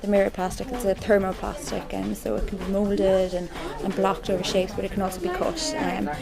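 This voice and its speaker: A woman's voice: mid-range voice, fairly quick, creaky. A woman designer casually explaining her work in loose, meandering phrases. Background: music.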